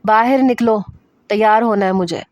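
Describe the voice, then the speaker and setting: A woman's voice: mid-range voice, darkish tone, dry recording, dull audio, close to an everyday voice. A woman reading the lines of a stern, mocking young husband in a romance story, curt and taunting.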